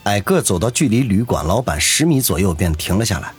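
Low, husky male storyteller. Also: sing-song, brisk, soft background music. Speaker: audiobook narrator. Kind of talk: serialized novel narration.

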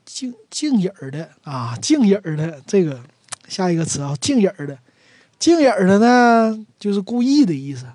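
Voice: medium pitch, no room sound. A speaker from Northeast China with a Northeastern Mandarin accent, casually explaining local dialect words and acting out example lines. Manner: explains slowly, then acts out example lines in a lively voice. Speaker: dialect teacher.

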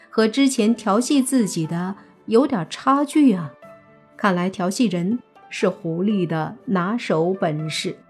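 A woman narrating a serialized novel in steady storytelling. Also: mid-range voice, slightly rough. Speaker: audiobook narrator.

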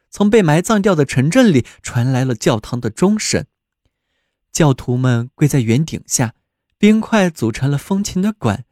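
A man narrates a fairy tale in an expressive storybook manner. His voice sits a little high, and his pitch rises and falls a great deal. The recording is dry and close, with no room sound. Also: dry recording.

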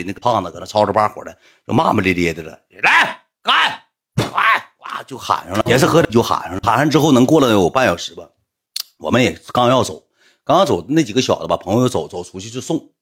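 A man's voice: on the low side, lively intonation, fast talker, husky. A young man with a Northeastern Mandarin accent, telling a casual anecdote in a blunt, colloquial way. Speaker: storyteller.

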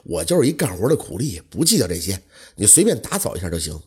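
A man's voice: lowish voice, very animated, fast, darkish tone, slightly rough, pitched below the performer's own voice, exaggerated voice. A man playing an upright young laborer who talks bluntly and earnestly, in a told story.

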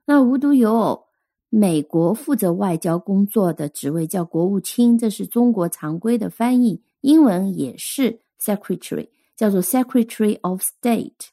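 A woman teaching English vocabulary in a scripted lesson, her voice warm and mellow. She slows down carefully to spell words and model pronunciation. The recording is dry and close, with no room sound. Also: mid-range voice, lively intonation, no echo. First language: Chinese.

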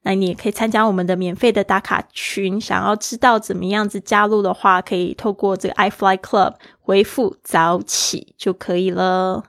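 A woman's voice: mid-range voice, level tone, normal speed, gravelly, hardly any pauses, no echo, clean studio sound. A woman teaching an English lesson, explaining words and spelling them letter by letter, switching often between her own language and English.

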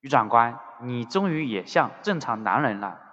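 Man voicing an eager, fawning male subordinate agent; effusive, hurried, muffled reverby recording. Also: medium pitch, lively intonation, fairly bright tone. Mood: urgent. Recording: dull audio with long reverb.

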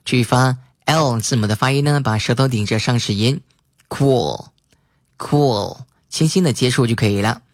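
A man teaching English vocabulary, spelling words letter by letter and repeating example sentences slowly. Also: mid-range voice, no room sound, clean studio sound. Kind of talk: spoken English lesson.

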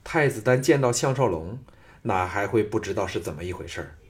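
A man narrating a martial arts novel as an audiobook in a steady, measured storytelling voice. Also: fairly low pitch.

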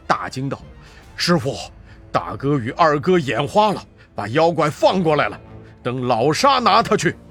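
语调起伏很大的讲故事人. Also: mid-range voice. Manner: expressive, measured. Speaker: storyteller. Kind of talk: children's story narration.

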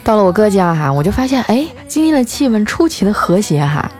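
A woman host spins a comic story in a chatty, wry and colloquial tone. Her voice sits at an ordinary middle pitch for a woman. Soft music plays quietly underneath. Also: very animated, a little fast.

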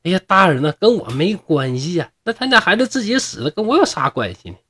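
A man with a Northeastern Mandarin accent voicing a greedy, scheming blind old male monk, making slow, drawn-out demands. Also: high-pitched, big pitch swings, bright, forceful tone, slightly rough, voice pushed up, heavily acted. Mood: pleading.

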